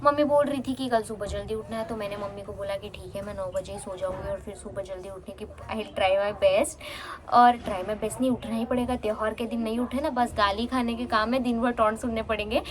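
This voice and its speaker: A young woman chatting fast in a casual home vlog, talking into a handheld phone. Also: mid-range voice, steady tone. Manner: chatty, mixes in English words. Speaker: vlogger. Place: at home, indoors and on a terrace.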